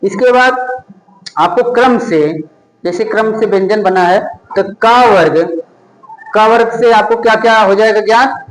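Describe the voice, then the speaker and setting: High-voiced male teacher drilling a class. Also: echoey room, low-quality recording. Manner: repetitive question-and-answer drilling, slow deliberate spelling out. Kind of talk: classroom lesson with call-and-response drilling.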